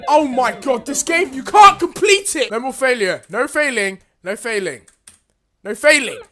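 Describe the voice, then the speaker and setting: Female gamer, high, very animated; excitable commentary with constant swearing and yelps. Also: normal speed. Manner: excitable, shouting and swearing at the game. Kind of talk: gameplay commentary.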